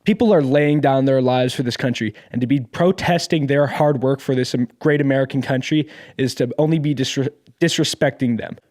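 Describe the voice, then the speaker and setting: A man's voice: medium pitch, normal speed, hardly any pauses, darkish tone, close to an everyday voice. A man playing an indignant, patriotic construction worker in a news interview. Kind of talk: acted studio interview.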